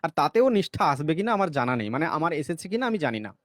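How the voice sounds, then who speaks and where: Sarcastic male commentator, animated and high-pitched, working through numbers. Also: rapid-fire, no room sound, studio quality. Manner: sarcastic, chants the mantra mid-argument. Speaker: religious commentator. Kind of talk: explanatory monologue with arithmetic.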